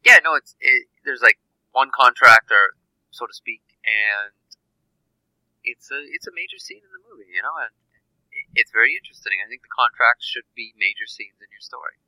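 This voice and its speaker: A man talking casually on a podcast, halting and repeating words before getting his point across. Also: mid-range voice, sharp tone, dry recording, poor audio.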